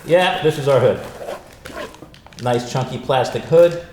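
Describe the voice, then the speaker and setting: Older American host, chatty and dry-witted, mid-range voice, roomy echo with faint hiss. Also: male voice, medium pitch, unhurried, a little mellow. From United States. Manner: chatty, wry, grumbling asides. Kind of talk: casual product unboxing. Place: large echoey room, not his usual studio. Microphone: studio mics set up nearby. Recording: echoey room with faint noise.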